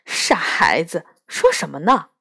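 A woman reading a storybook aloud, voicing a caring mother who scolds gently. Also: low voice, huge pitch swings, measured pace, gravelly, slightly rough, dry recording, voice pushed down, exaggerated voice. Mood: gentle.

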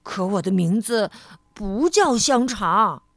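A woman voicing a patient male butcher who slowly corrects a muddled customer. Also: medium pitch, sing-song, no room sound, studio quality. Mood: correcting.

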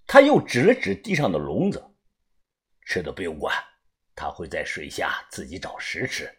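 A man voicing a tall middle-aged male smuggler who gives curt, secretive instructions in a low, hushed voice. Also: huge pitch swings, moderate pace, slightly rough, heavily acted. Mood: stern.

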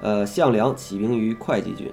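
A man's voice: lowish voice, moderate pace, a little mellow, faint music behind. A man reading a classical history text aloud, stopping now and then to ask questions and add his own comments.

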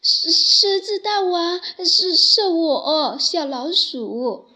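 A woman's voice: sits high, expressive, takes it slowly, a little mellow, voice pushed up. Woman doing a tiny stammering mouse. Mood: frightened begging. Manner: stammering, trembling.

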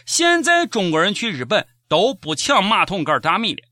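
Shaanxi-accented man, high-pitched sarcastic commentator. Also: huge pitch swings, moderate pace, pushed and bright, faint music behind. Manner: sarcastic, mocking. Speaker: host of a comic news show. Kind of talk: scripted satirical news commentary.

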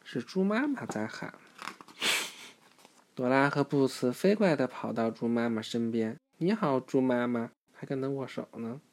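A woman reading a picture book aloud to a child, gentle and patient, with soft-spoken asides. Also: very deep voice, normal speed.

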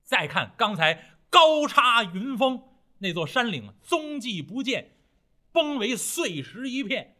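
A man telling a traditional Chinese story in a dramatic, rhythmic, expressive way. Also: extremely high pitch, takes it slowly.

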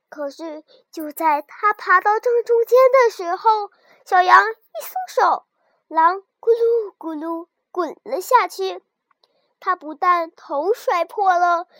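A woman storyteller reading a bedtime story to small children in a soft, gentle way. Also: very high voice, dry recording.

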